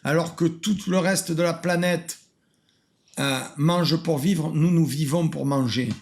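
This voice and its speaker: A man hosting a cooking channel, giving excitable comedic reaction commentary from his home studio, bellowing exclamations and then dropping to a low mumble. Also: a little slow.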